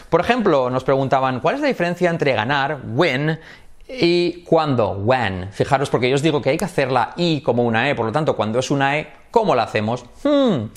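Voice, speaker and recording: Man, language teacher, casual video lesson, lively upbeat delivery, slow drilled repetitions. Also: medium pitch. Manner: repeats words slowly for practice, switching between languages. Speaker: English pronunciation teacher.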